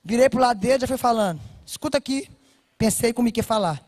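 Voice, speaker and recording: A woman pastor with a Brazilian Portuguese accent giving an animated personal testimony, speaking straight to her listeners. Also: a little high, very fast, no room sound, clean studio sound. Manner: animated storytelling, addresses listeners directly. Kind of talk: personal testimony told to a congregation.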